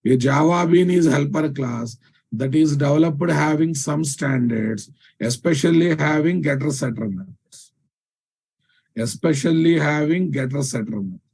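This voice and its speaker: A man's voice: on the high side, unhurried, vocal fry, darkish tone, breathy edge. A man with a Telugu Indian accent giving a live technical lecture as a programming teacher, repeating phrases for emphasis and checking understanding with questions.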